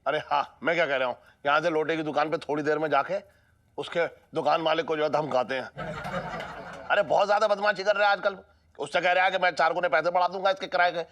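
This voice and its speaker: A man in a comedy serial, playing a blustering seth who bursts out loudly. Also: a little high, quick pace. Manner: blustering, loud comic outbursts. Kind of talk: comic sitcom acting.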